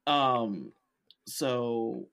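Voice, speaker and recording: A man's voice: mid-range voice, animated, drawn-out words, vocal fry, fairly bright tone. Casual man recapping with wry asides. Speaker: podcast co-host. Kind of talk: casual chat.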